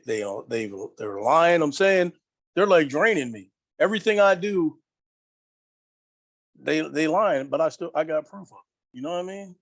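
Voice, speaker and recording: A man calling in on a video call, asking questions in a rambling, frustrated way with many restarts. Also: a little high. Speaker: caller.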